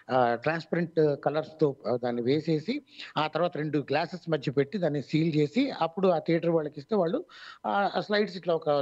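A Telugu-accented man, a mimicry artist, talks through his answers on an online radio interview. He is measured and explanatory, with many pauses and fillers, in a slightly high voice. The audio is dull and lo-fi. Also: darkish tone.

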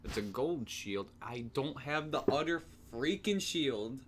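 A man's voice: medium pitch, expressive, a little slow. Guy doing a let's play, jokey and laughy, voice jumps all over, noisy hiss behind. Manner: jokey, laughs often, swears casually. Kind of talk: casual gameplay commentary.

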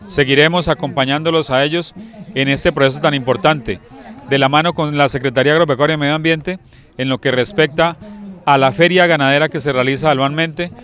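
A man's voice: on the high side, steady tone, brisk, fairly bright tone. A Colombian man in his forties speaking as a mayor to TV news, in official, list-like oratory, into a handheld microphone outdoors. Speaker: municipal mayor. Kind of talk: formal spoken statement to TV news. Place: outdoors at night near a livestock complex. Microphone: handheld reporter microphone.

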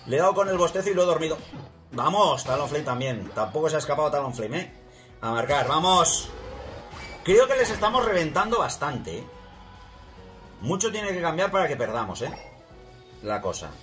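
A man with a Spain accent commentating his own video game match, excitable and yelling at the action. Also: a little high, moderate pace, long pauses. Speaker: gaming channel host. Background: game music.

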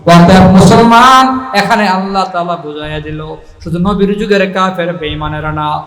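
Bangladeshi male preacher, dramatic storyteller who acts out his characters, lifts into chanting, high-pitched, echoey loudspeaker sound. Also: normal speed, faint music behind. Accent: Bangladeshi colloquial Bengali. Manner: rising singsong chanting at emotional peaks. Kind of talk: Bengali waz sermon storytelling. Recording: echoey public address sound.

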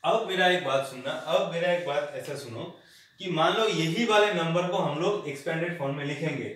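A man's voice: a little high, moderate pace, a bit bright. A man teaching a maths class, explaining step by step and checking often whether the students have understood. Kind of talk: classroom lesson. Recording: echoey room, far from the mic.

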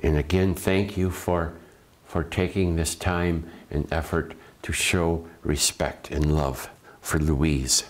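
A priest delivers a funeral homily in a gentle, reflective way. His voice sits very low, and he speaks slowly and deliberately, pausing and restarting as he gathers his thoughts.

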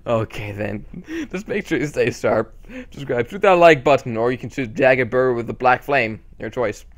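Mid-range in pitch and moderate in pace, a young man who hosts the channel narrates a screen-recorded tutorial in a relaxed way. Excitable, he rambles and self-corrects as he goes.

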